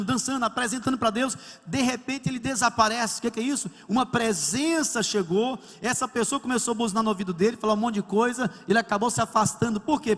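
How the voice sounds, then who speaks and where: A man's voice: very high-pitched, fairly bright tone. A man preaching a sermon as a pastor, telling stories and acting out the dialogue. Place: large church hall. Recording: long church hall reverb.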